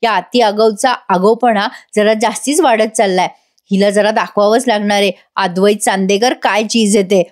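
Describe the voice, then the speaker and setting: A woman's voice: mid-range voice, steady tone, normal speed, close to an everyday voice. A woman voicing an irritable young husband. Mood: irritated. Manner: snapping, impatient retorts.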